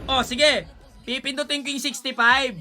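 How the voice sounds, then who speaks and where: A man giving casual gaming commentary, excitable, pleading and shouting at the game as he plays. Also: very high-pitched, normal speed. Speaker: gaming streamer.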